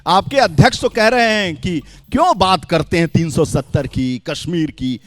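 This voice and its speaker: A male TV news anchor on a handheld mic, briskly moderating a public debate outdoors and cutting speakers short. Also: high-pitched, no echo. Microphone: handheld microphone.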